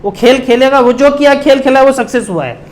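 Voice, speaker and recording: A middle-aged man from India explaining investing to viewers, emphatic, slowing down and breaking words apart for stress. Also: very high-pitched. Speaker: mutual fund distributor.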